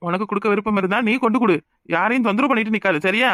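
Woman voicing cartoon mother-in-law, sharp-tongued, bossy, very rapid, southern Tamil Nadu village accent, dry close sound. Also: mid-range voice, dry recording, natural voice. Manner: bossy and cutting.

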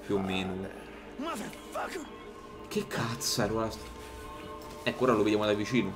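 A man's voice: on the low side, fairly even intonation, normal speed. A man commentating a horror game he is playing, jumpy and joking to himself, swearing as he goes. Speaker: gaming streamer. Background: game music.

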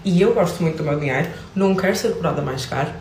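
A woman's voice: fairly low pitch, rapid-fire, darkish tone. A woman with a European Portuguese accent, talking to camera in a playful, joking way and addressing viewers directly. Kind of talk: casual vlog talking to camera. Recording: roomy sound from away from the mic, faint noise.

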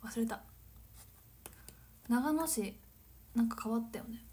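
A woman in her twenties from Nagano, chatting casually on a livestream, giggling and drifting into soft whispered asides. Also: on the high side, takes it slowly. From Nagano, Japan. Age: 20s. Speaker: livestream host. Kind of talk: casual chat reading viewer comments.

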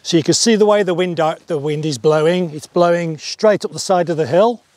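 A middle-aged man giving a relaxed paragliding lesson step by step on an open hillside, wearing a clip-on mic. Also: a little high, a little fast, no echo. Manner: relaxed, chatty, explains step by step. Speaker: paragliding instructor. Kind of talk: outdoor tutorial. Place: open grassy hillside outdoors.

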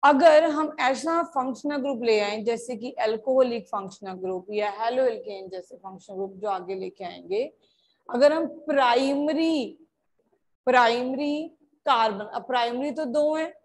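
A woman from India teaching a chemistry class, switching between Hindi and English, calling her students "beta" and checking often that they follow. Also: high voice. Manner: slow, deliberate explanation. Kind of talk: classroom lecture.

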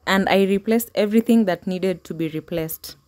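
A homemaking vlogger narrates her home cleaning in a chatty, relaxed voice-over, speaking at a moderate pace with a medium-pitched voice. She makes small restarts as she goes.

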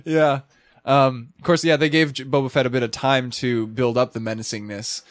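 A man's voice: medium pitch, level tone, normal speed, no room sound, clean studio sound. A man co-hosting a podcast, chatting casually through a film review with many fillers and frequent laughs. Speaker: podcast co-host.

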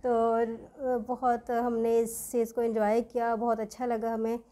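A woman's voice: on the high side, completely flat delivery, a little slow, warm tone. A young woman, a media manager, politely thanking guests to close a panel in a small studio on a desk mic. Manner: polite, grateful. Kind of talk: formal closing remarks. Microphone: desk boom mic.

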